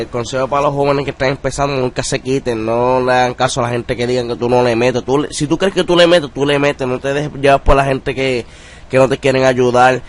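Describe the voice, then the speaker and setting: A young man with a Puerto Rican accent speaks in a flat, even tone that barely rises or falls. He talks in casual street slang, often pausing on filler words as he answers an interviewer's questions. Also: mid-range voice. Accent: Puerto Rican Spanish. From Puerto Rico. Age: young adult. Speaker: rapper interviewee.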